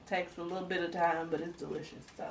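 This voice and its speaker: A woman's voice: on the low side, fairly even intonation, fast talker, creaky, a crowd in the background. A woman in her twenties hosting a live cooking demonstration, talking casually to her viewers and laughing easily. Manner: chatty, talks to viewers directly, laughs easily. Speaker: cooking show host. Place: home kitchen. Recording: kitchen noise from frying pans. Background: sizzling pans and utensil clatter.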